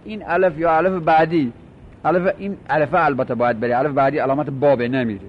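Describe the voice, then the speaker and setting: A man teaching a grammar lesson, patiently repeating and drilling example words as he explains each rule step by step. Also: fairly even intonation. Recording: dull lo-fi recording with faint rumble.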